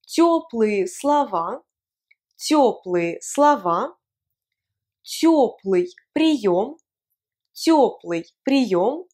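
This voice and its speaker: A woman with Russian as her first language, teaching a lesson in French and repeating example words slowly and carefully. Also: a little high.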